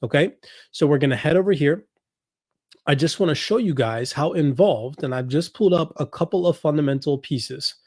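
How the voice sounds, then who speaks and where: Host, man, slightly higher voice, dry close mic, screen-share explainer who reads and repeats points. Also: normal speed, a little mellow, dry recording. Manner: explains while scrolling, reads passages aloud, repeats points. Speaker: crypto commentary host. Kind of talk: screen-share document walkthrough.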